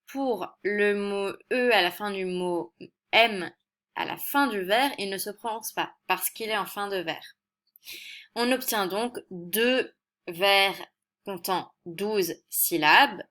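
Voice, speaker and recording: A woman teacher gives a recorded poetry lesson at an unhurried, measured pace. Her pitch sits in a middle register, and she explains each point with care, reading the example lines slowly and gently. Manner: slow, deliberate, careful explanation; reads example verses slowly and softly. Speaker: French teacher.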